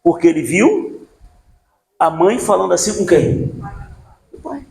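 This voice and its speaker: A man's voice: sits high, unhurried, creaky. Older guy preaching, keeps asking the crowd questions, voice jumps all over the place. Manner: rhetorical questions to the congregation, animated storytelling. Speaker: pastor. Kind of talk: sermon.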